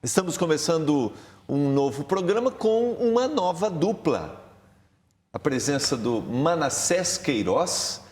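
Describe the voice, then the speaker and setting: Roomy-sounding male pastor hosting. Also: takes it slowly. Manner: warm, emphatic host with lively pitch rises. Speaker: pastor and program host. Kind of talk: religious TV studio talk. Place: TV studio. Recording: roomy studio with long reverb.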